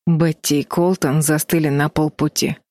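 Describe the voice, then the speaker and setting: Low-voiced woman reading a storybook. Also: normal speed, no echo. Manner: steady, expressive reading. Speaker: audiobook narrator. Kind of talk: scripted storybook narration.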